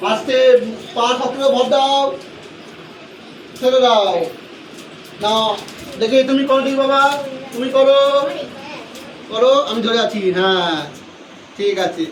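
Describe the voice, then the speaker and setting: A man's voice: very high-pitched, a bit bright. A man who teaches yoga, leading a children's class with short, repeated commands and calls for silence. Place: large indoor school hall. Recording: echoey hall, voice from far off, faint noise.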